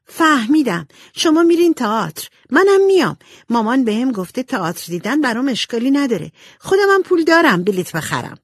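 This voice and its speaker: A woman voicing a spoiled, proud young girl in an audiobook, with a high, whiny girlish voice. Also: big pitch swings, no echo, studio quality. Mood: excited.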